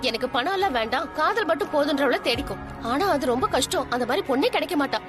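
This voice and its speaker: Picture a young woman who sounds cold and cutting while she is heartbroken inside, her voice raised high. Music plays under her lines in the dubbed serial. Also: expressive, fast. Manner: cold and cutting, then tearful. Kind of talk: TV serial dubbing. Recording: with music behind.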